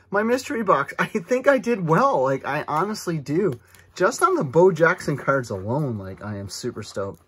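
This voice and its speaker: Male host, somewhat higher pitch, husky tone, lively swings, chatty and excited, casual unboxing vlog. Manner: chatty and enthusiastic, lots of asides. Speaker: card-opening channel host. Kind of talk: casual pack-opening vlog. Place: indoors at a table, off camera.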